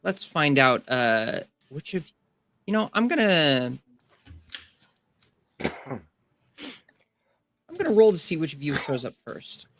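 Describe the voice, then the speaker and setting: A woman hosting as game master of a tabletop game stream, speaking haltingly with many fillers. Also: deep voice, very animated, fairly bright tone, a little hiss or hum. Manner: halting, many ums and uhs.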